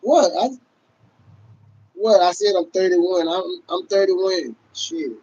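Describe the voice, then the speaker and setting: A man, hosting a casual livestream rant. He talks loudly and profanely to his viewers, laughing often. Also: high-pitched, fairly even intonation, slow, muffled recording. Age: 30s. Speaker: livestream host.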